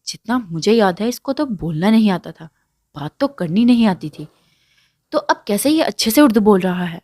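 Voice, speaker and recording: A proud young woman who spits her words out short and clipped, as a woman reads her, pitched a touch higher than the narration, in a dry close recording. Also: expressive, a little mellow, no echo, lightly acted. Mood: puzzled. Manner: curt, biting each word.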